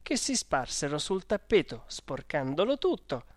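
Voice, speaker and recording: An audiobook reader narrating a first-person diary story in a measured, even manner. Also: medium pitch, no echo, studio quality. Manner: slow, measured, even reading.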